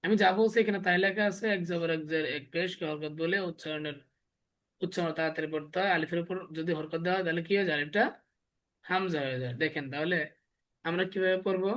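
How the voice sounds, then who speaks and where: A man's voice: a little high, fast, fairly bright tone. A Bengali-speaking man teaching the Arabic alphabet, drilling syllables over and over and asking his students to repeat after him. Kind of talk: classroom lesson with call-and-response drilling.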